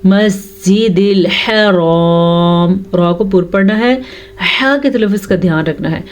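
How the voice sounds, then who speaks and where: A woman's voice: mid-range voice, expressive, fairly quick. A woman teaching Quran recitation rules, explaining them patiently and repeating sounds to correct pronunciation. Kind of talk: tajweed lesson.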